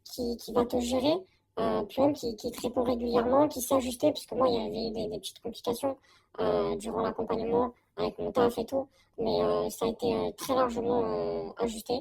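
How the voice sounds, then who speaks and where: A woman's voice: high-pitched, sing-song, brisk, vocal fry, a loud crowd, poor audio. A young woman giving a casual, slangy testimonial in an informal conversation. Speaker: coaching client giving a testimonial.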